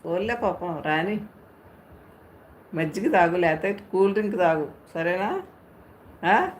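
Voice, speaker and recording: A woman's voice: fairly low pitch, animated, measured pace. A woman hosting a live stream, chatting casually and teasing viewers as she reads their comments aloud. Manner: playful, teasing, talks straight to viewers. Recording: echoey room, faint background hum.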